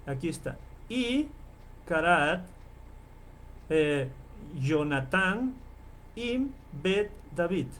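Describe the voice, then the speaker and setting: A man lecturing as a professor in an online class, explaining and repeating terms slowly and checking in with his listeners often. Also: high voice, very animated, fairly bright tone, a little hiss or hum. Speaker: Bible professor.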